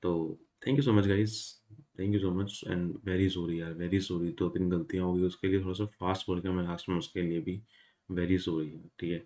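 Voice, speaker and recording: Chatty young maths tutor, lowish voice. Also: male voice, little pitch movement, normal speed, warm tone. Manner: chatty, informal, mixes Hindi and English, apologetic about mistakes. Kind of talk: casual exam-revision lesson.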